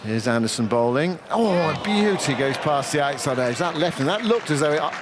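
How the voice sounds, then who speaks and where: A man's voice: a little high, animated, brisk, crowd noise. A man giving live ball-by-ball cricket radio commentary mixed with casual chat. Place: commentary box at a cricket ground. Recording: outdoor ground noise behind voice.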